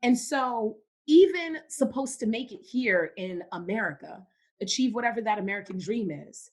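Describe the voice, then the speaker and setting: A young woman from Cameroon, a podcast guest in casual faith-based conversation, who speaks emphatically and repeats words for stress. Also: mid-range voice.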